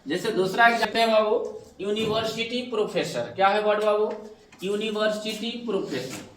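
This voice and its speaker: A man's voice: high voice, moderate pace, noisy background. A man teaching an English grammar lesson step by step, asking questions and answering them himself, calling his students "babu". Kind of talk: classroom lesson explanation. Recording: echoey room, voice from a distance.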